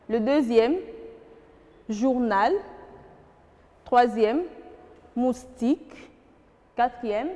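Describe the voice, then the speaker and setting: Slow patient woman teaching a class. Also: on the high side, darkish tone, in a large hall. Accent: Congolese French. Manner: slow, patient, asks the class questions and repeats words. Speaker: primary school teacher. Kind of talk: classroom grammar lesson.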